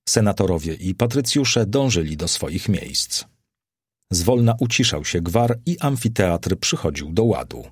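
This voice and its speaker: A man narrating a classic novel as an audiobook in a measured literary reading. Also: sits low, slightly rough, no echo, clean studio sound.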